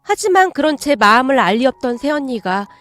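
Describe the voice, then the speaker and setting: A woman's voice: high-pitched, sing-song, brisk, a bit bright, faint music behind. A woman narrating a radio story and voicing every character herself.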